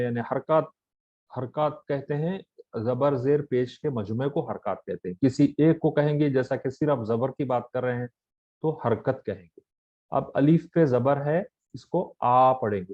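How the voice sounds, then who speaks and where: A man teaching a Quran recitation lesson, speaking patiently and drawing out vowel sounds as he drills each letter. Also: mid-range voice. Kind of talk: slow spoken tajweed lesson. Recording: slightly dull lo-fi audio.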